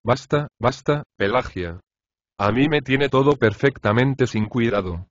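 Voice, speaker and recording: A man's voice: medium pitch, a little slow, no echo, close to an everyday voice. Grumpy sleepy husband, a guy reading him, grumbles at everyone, dry kinda muffled audio. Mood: grumbling. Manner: grumbling and irritated. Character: grumpy, sleepy middle-aged husband, a prosecutor. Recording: dry, slightly dull audiobook recording.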